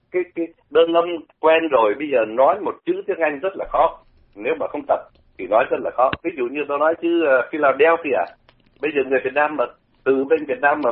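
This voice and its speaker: An older man from Vietnam, talking on the radio and explaining pronunciation in a conversational way, often repeating words to demonstrate them. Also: mid-range voice. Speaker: radio commentator. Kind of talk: radio talk, explaining language. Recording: phone-like radio line.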